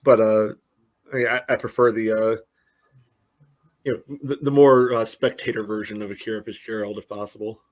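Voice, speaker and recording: A man co-hosts a sports podcast, offering casual, loose analysis full of filler phrases. His voice is fairly low and steady, at a normal speed.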